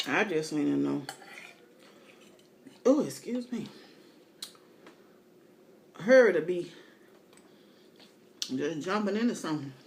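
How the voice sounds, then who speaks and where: A woman's voice: on the low side, animated, extremely slow, gravelly, pauses often, slight background noise. A middle-aged woman eating as she talks, telling candid, colloquial stories in a casual mukbang chat. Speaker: mukbang vlogger.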